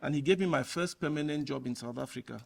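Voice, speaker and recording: A man from Cameroon, a professor giving an earnest, measured inaugural lecture and reading an ode. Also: a little high, gravelly. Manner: earnest, measured public speaking. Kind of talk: formal speech and reading an ode.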